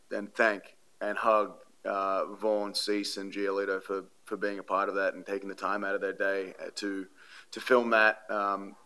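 The recording is rough, but this man's voice comes through on the low side, bright, forceful, clear and resonant. He's a baseball pitcher from Australia at a postgame press conference, answering reporters at podium microphones in a press room in front of a sponsor backdrop. He's earnest and rambling, with many fillers and restarts.

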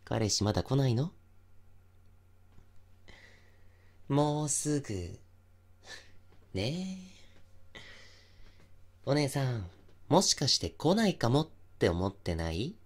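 Man acting a slow, menacing young stalker. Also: medium pitch, very animated, heavily acted. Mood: teasing, coaxing. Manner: menacing, coaxing and softly teasing. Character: obsessive, possessive young male stalker, sweetly menacing. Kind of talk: intimate ASMR situation voice drama.

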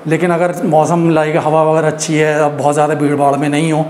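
A man's voice: a little high, completely flat delivery, fast talker, darkish tone. Masked man reviewing in an echoey room. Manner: chatty, explanatory, addresses viewers as friends. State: talking through a face mask. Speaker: product reviewer. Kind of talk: casual product review vlog. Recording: echoey room, faint background hiss.

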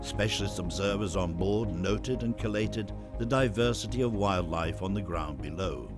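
Low-voiced male nature documentary narrator. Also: normal speed. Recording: background music under narration.

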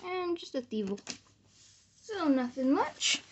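A woman's voice: sits high, very animated, slow, highs cut off. A woman giving casual commentary as she hosts a card-opening vlog. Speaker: card-opening video host. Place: small indoor room at home. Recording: clearly noisy, card wrapper crinkling. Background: noise, crinkling and clicks of card packs.

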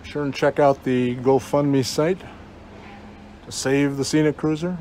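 Laid-back guy w mellow voice talking thru a face mask, casual walkthrough, some noise on the phone recording. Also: medium pitch, steady tone, a little slow. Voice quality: slightly muffled through a face mask. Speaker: vlogger giving a walk-through. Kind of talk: casual unscripted walk-through narration. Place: inside an old bus at a scrapyard. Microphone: handheld phone. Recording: noisy handheld phone recording, vehicle ambience.

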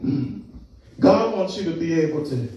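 A man preaching a sermon as pastor, playful and lively, acting out little scenes with laughs. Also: on the high side, normal speed. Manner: playful, acts out animals and voices with laughs. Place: church. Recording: echoey church hall, mic far off.

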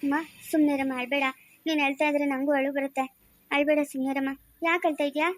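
A woman's voice: high-pitched, little pitch movement, fast, no room sound, clean studio sound, lightly acted. A woman playing a firm but kind policewoman who talks sternly and comforts like an elder sister in a family moral drama. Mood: soothing.

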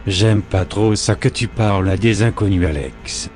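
A man's voice: on the low side, measured pace, darkish tone, soft background music, natural voice. A man voicing a worried mother in a horror story reading, anxious and questioning. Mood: uneasy. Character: worried mother, adult woman.

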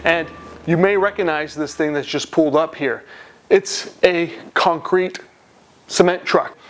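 A man presenting an art history lesson on camera, talking in a relaxed, conversational way with pauses. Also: fairly high pitch. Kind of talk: casual on-camera explainer. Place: at his studio and on sites, partly outdoors.

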